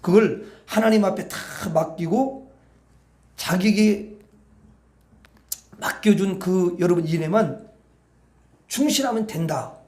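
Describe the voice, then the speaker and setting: A man's voice: sits high, slow, pauses often, a little mellow, roomy sound. A male pastor preaching a Sunday evening sermon in a conversational way, often asking the congregation to agree with him. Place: church sanctuary.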